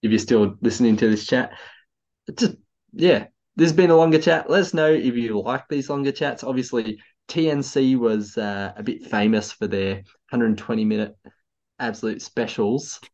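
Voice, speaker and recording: A man's voice: mid-range voice, normal speed, a little mellow. A man co-hosting a podcast in casual chat, a bit tipsy and enthusiastic, often stammering and restarting. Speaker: podcast co-host. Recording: slightly dull, lo-fi audio.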